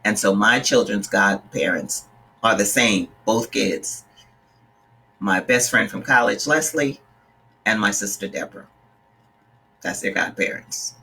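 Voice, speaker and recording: Greeting her live-stream audience by name, a middle-aged Bahamian woman who works as a life coach talks casually, earnest and direct. She has a bass voice with a sharp tone and breathy edge, speaking at a measured pace with long pauses.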